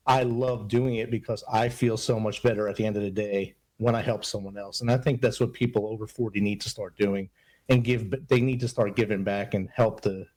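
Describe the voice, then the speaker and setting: The guest here is a middle-aged Army veteran turned mentor, talking in a casual podcast interview. He has a medium-pitched, darkish voice and an earnest, upbeat, motivational way of speaking.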